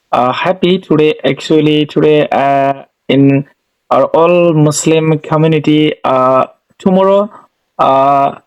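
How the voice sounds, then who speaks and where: A man from India with an Indian accent, an English learner chatting in simple, halting, often repeated phrases. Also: a little high, a little mellow, clear, resonant tone, muffled recording. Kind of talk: casual beginner English conversation.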